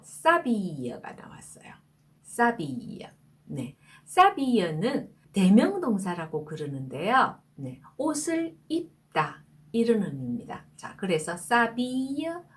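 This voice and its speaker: Slow, careful woman teaching French pronunciation. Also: medium pitch. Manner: slow, careful, repeats words for practice. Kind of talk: pronunciation lesson.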